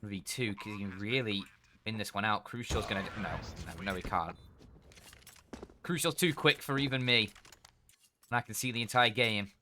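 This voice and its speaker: A man's voice: fairly low pitch, moderate pace, long pauses, noisy background. A man doing live commentary on a competitive shooter match, joking and bantering with his co-caster. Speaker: esports commentator.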